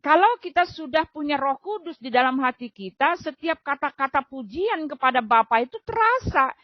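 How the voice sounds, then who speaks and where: A middle-aged woman with a high voice shares her faith testimony in an earnest, emotional way, chatting to her friends with loose fillers. The audio is dull and dry, with no room around it. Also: animated, moderate pace, no room sound.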